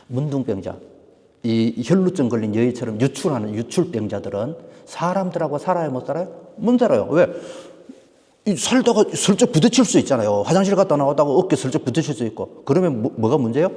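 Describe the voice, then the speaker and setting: A man preaching a sermon to a church congregation, animated and full of questions put to the listeners. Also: mid-range voice, a little fast. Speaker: pastor. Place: church sanctuary. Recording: long hall reverb.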